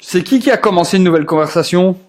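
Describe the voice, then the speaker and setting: A young man with a high-pitched voice runs a casual group voice call. He rambles, trips over his words and repeats himself often, with plenty of filler sounds. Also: fast talker. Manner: rambling, lots of hesitations and repeats. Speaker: group staff host.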